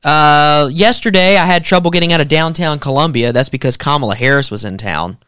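A man hosting a talk show, giving casual, joking political commentary in an animated way. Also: on the high side, smooth, no room sound, clean studio sound. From American South. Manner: animated, joking, quick to mock.

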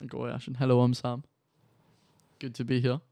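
A man's voice: mid-range voice, completely flat delivery, fairly quick, vocal fry, warm tone, dry recording. A young man from Wales, a podcast guest, chatting casually in a slangy, profane, rambling way. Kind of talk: casual chat.

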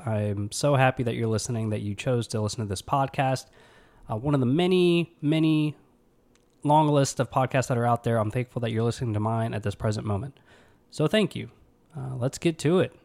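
A man hosts his own podcast in a slightly mellow, medium-pitched voice with an Alabama Southern accent. He's a pathology resident, and his casual solo monologue is earnest but rambling, packed with fillers and restarts.

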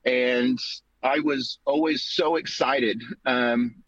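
Guy guest giving a casual tribute, kinda halting, dull dry call audio. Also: medium pitch, fairly even intonation, a bit bright, no room sound. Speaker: guest, podcaster and DJ. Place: remote video call.

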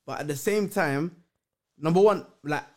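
A man's voice: on the high side, moderate pace. A young man with a London roadman accent chatting casually in heavy street slang, emphatic and repeating phrases as a podcast host. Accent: London roadman, multicultural London English.

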